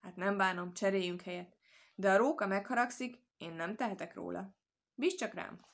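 Cheeky clever hare from a folk tale, lively and a bit higher, lady reader putting him on. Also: gravelly, lightly acted. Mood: playful sly. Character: clever quick-witted little male hare.

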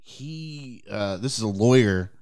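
A man's voice: on the low side, expressive, slow pace, a little mellow, clean tone. A man hosting a casual podcast chat, loose and swearing as he retells things with laughs. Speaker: podcast host.

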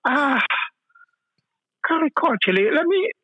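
Man, high voice, Singaporean accent, Singlish with Malay, repeats words, casual guest chat, muffled remote-call sound. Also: sing-song, unhurried, no echo. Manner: Singlish, mixing English and Malay with lah particles. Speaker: guest living in London.

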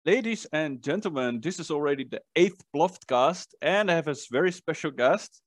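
A man from the Netherlands hosts a podcast in a dry, close recording with no room sound. His voice sits a bit high for a man. He talks slowly and deliberately and jokes easily with his guest. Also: expressive, no room sound. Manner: slow and deliberate when introducing, loose and joking in chat. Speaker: podcast host. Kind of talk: casual interview chat.

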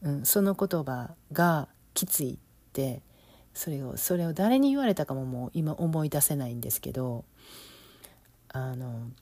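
Low, mellow woman with Osaka lilt. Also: dry recording. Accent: Osaka Kansai Japanese. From Osaka, Japan. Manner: reflective, many fillers, soft laughs. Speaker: business coach, podcast host. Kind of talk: casual monologue.

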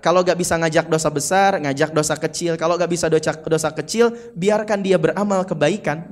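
A man with a Sundanese accent preaching a lively, playful sermon to women at a mosque. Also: a little high. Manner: lively and playful, acts out quotes and mimics.

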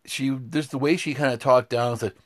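A middle-aged man with a mid-pitched voice, co-hosting a casual political talk show. He tells his stories in an animated, indignant way. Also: brisk.

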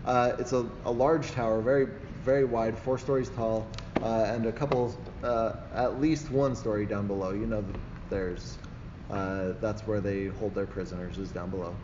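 A man narrating a tabletop game as game master, improvising in a halting way with pauses to think. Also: lowish voice, fairly even intonation. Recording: echoey hall, muffled, loud background noise.

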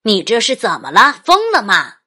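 Lady doing a worked up storybook dad, scolding and exclaiming, bright but husky, swoops around. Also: a little high, wildly swooping pitch, very slow, pitched above the performer's own voice, full character voice. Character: alarmed, scolding father of a runaway child.

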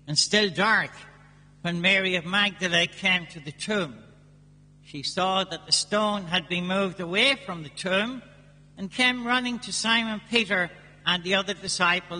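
A man speaking as a priest at Mass, reading scripture and preaching with measured, deliberate pauses in a cathedral-like echo. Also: sits high, bright, forceful tone. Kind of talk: liturgical reading and sermon. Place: large church during a service. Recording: long cathedral-like church echo.

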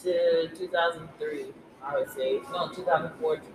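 A young woman in her twenties talking casually on a podcast, her thoughts coming out in halting restarts and self-corrections. Her voice sits in an echoey room with a steady noise underneath. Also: deep voice. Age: 20s. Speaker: podcast co-host. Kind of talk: casual chat.

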